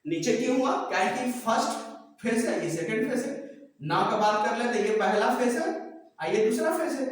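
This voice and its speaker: A male shorthand teacher giving a whiteboard lesson, patient and slow, checking again and again that the class has followed. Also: very high-pitched, animated, recorded from a distance. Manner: keeps asking "clear?" after each point; patient, repeats words slowly. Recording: echoey room, voice off-mic.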